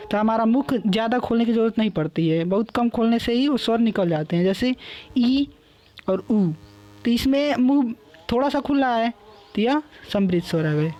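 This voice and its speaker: A man's voice: very high-pitched, darkish tone. Man teaching a patient grammar lecture. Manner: explains patiently, repeats terms and drawn-out vowel examples. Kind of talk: classroom lecture.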